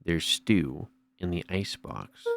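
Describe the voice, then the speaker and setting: Man voicing a stern low-voiced old grandmother. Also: big pitch swings, takes it slowly, gravelly, exaggerated voice. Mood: stern, grave. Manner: quiet, clipped, commanding. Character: stern, secretive old grandmother giving orders.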